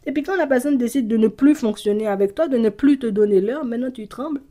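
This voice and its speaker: A woman giving a casual card reading to her viewers, animated and full of fillers, sometimes dropping into a whisper. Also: a little high, fast. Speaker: card reader. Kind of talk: casual tarot-style reading to camera.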